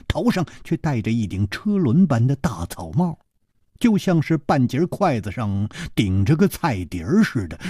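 A male storyteller narrating a martial-arts audiobook theatrically, jumping from loud bursts to hushed whispers. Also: mid-range voice, slightly rough, dry recording, studio quality.

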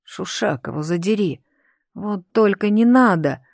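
A woman voicing a grim, watchful young man who speaks low, hushed and terse. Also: animated, a little slow, no echo, clean studio sound. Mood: menacing.

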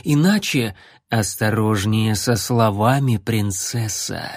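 A man voicing a smug, sarcastic immortal male necromancer in an audiobook, speaking slowly and mockingly. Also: on the low side, no echo, clean studio sound. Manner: slow, measured, mocking. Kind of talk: audiobook character voice.

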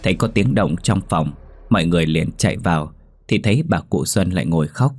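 A man narrating a ghost story in a slow, somber, dramatic way. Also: low voice, expressive, husky, dry recording, clean studio sound, soft background music.

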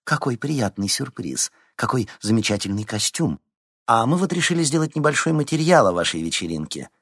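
A man's voice: mid-range voice, sing-song, fairly quick, fairly bright tone, slightly rough, dry recording, studio quality, voice pushed up, heavily acted. A man voicing a cold, calculating female TV reporter who talks in a mocking tone.

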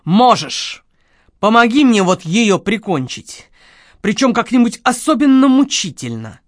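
A woman voicing a spoiled rich female client who shouts and hisses threats slowly, in a dry audiobook reading. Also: on the high side, very animated, dry recording. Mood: furious. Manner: shouting, hissing, slow menacing.

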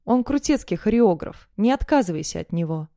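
A woman's voice: medium pitch, expressive, brisk, mellow, no room sound, studio quality, lightly acted. A woman reading the lines of a teasing, nosy teenage girlfriend in an audiobook.

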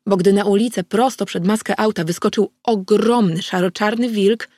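A woman reading a novel aloud in the first person, in a steady, measured audiobook narration. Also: medium pitch, no echo, clean studio sound.

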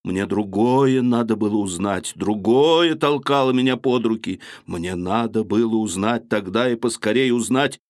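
A man's voice: on the low side, measured pace, few pauses, no room sound, studio quality, pitched below the performer's own voice, lightly acted. An actor playing a feverish, brooding young man in a literary audiobook reading, with an intense confessional manner.

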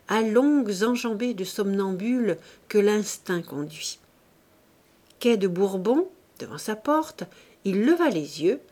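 Woman reading an old novel audiobook, slow and expressive, measured. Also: medium pitch. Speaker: audiobook reader. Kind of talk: scripted narration.

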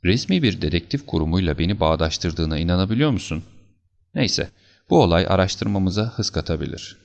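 A man voicing a calm, amused, mocking detective in an audiobook, speaking in a wry, unruffled way. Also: low voice, creaky, lo-fi sound. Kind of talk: audiobook character reading.

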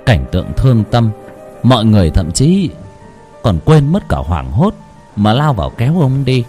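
A man narrating a ghost story in a dramatic, hushed storytelling manner. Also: mid-range voice, wildly swooping pitch, moderate pace, faint music behind.

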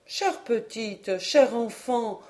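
A woman's voice: sits high, expressive, unhurried, darkish tone, pitched above the performer's own voice. A woman voicing an anxious, proper older aunt who speaks in a fretful, prim, exclaiming way in an audiobook.

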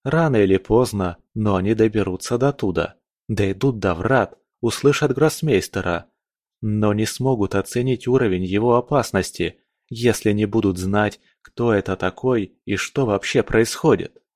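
A man voicing a calm young male necromancer who lays out his arguments point by point in an audiobook. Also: lowish voice, moderate pace, no room sound, clean studio sound, natural voice. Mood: calm, persuasive.

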